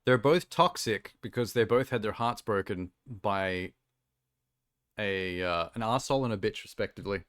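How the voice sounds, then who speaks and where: A man's voice: fairly low pitch, normal speed, a bit bright, clear, resonant tone. An Australian man streaming casual reaction commentary, blunt and sweary, laughing easily.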